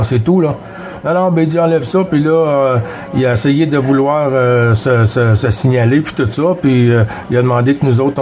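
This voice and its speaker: Medium in pitch and darkish in color, this middle-aged man's voice comes over CB radio with a Québécois French accent. He's from Quebec, chatting loosely, restarting sentences and leaning on fillers.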